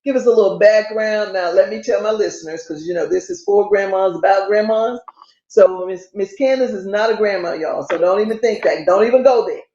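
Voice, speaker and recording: A woman's voice: mid-range voice, fairly quick, warm tone, slight background noise. An older woman hosting a podcast, chatty and enthusiastic, repeating her points for emphasis. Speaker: podcast host. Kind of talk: casual interview chat. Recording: roomy, dull lo-fi sound.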